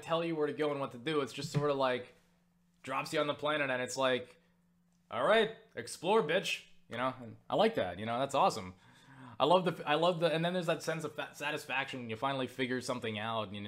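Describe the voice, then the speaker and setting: This young man's vlog has him responding to viewer questions in a mid-range voice, rambling with frequent fillers and restarts. He curses offhandedly and becomes animated whenever he's excited.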